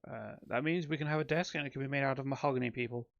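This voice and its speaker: A man's voice: medium pitch, very fast, gravelly, no room sound, lo-fi sound. A man giving casual, rambling commentary on his own gameplay, with frequent ums and self-corrections. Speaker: let's play host.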